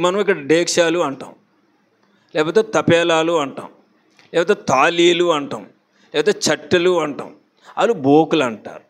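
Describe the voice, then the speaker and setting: A pastor with a Visakhapatnam accent, preaching a sermon to a congregation in a chatty way, often putting questions to them. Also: male voice, on the high side. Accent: Visakhapatnam Telugu. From Andhra Pradesh, India.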